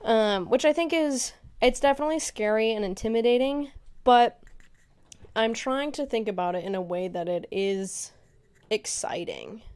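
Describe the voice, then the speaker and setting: A woman co-hosting a podcast in casual chat, musing reflectively with many pauses and filler sounds. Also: on the high side, darkish tone, smooth. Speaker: podcast co-host.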